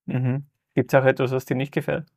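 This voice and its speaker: A man's voice: mid-range voice, flat delivery, a little fast, creaky, darkish tone, dry recording, studio quality. A man moderating a panel discussion, posing questions with frequent hesitations.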